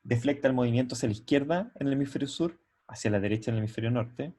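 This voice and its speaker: This man's voice is medium in pitch with a dark tone. Teaching an online university lecture via a computer mic on a video call, he goes step by step, stops often to make sure students follow, and speaks haltingly, restarting his sentences mid-thought.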